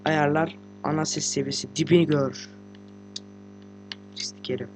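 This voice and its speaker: Sick teenage boy, quiet gaming chatter. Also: on the high side, fairly even intonation, moderate pace, over music. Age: teens. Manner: chatty, slangy, joking and swearing. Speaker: gaming channel host. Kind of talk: casual let's-play commentary. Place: room at home with a computer.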